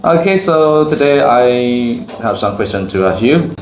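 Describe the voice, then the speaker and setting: In a classroom question-and-answer video filmed on a school campus, a Cambodian teacher and channel host whose first language is Khmer asks a student simple questions in plain, broken English, answering each reply with "okay." His mid-range voice has lively intonation and an unhurried pace. The recording is echoey with faint background music and a little hiss or hum.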